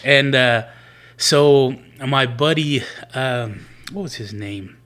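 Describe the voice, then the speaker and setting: A man with a mid-pitched voice hosts a podcast. He asks questions and chats in a relaxed, joking manner. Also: takes it slowly. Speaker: podcast host. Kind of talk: casual conversation.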